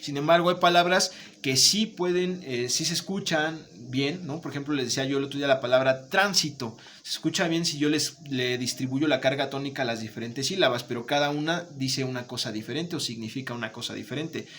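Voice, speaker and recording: A man's voice: medium pitch, a little fast, hardly any pauses, a bit bright, a little hiss or hum. A man teaching a remote lesson, patient, checking in often with his students. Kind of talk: remote Spanish grammar lesson.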